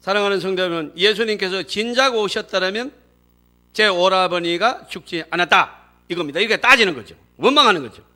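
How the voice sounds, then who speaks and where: High bright-voiced male preacher. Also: a little fast. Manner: animated preaching, swelling to emphatic declarations; acts out quoted speech in dramatic voices. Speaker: pastor. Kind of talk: sermon. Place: church.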